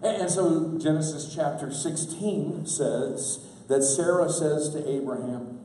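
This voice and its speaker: Male preacher, folksy and joking, warm dark tone, distant reverberant camp hall with faint ambience. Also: on the high side, a little slow, slight background noise. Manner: folksy, humorous storytelling. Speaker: pastor. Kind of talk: sermon. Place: large hall at a church camp. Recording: echoey hall from far off.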